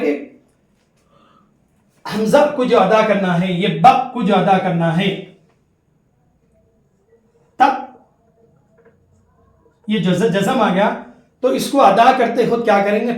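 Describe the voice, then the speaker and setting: A man with a high voice teaches a Quran recitation lesson, going over each rule more than once. He chants the example syllables in a slow, drawn-out way. The room has a lot of echo.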